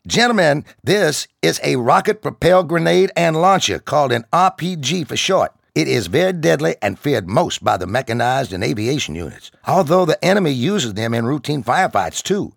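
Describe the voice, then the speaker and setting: A man voicing a loud, commanding army drill sergeant who barks orders and swears. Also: on the high side, lively intonation, moderate pace, vocal fry, few pauses, no room sound, studio quality, voice pushed up. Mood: instructing. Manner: barking, commanding, profane.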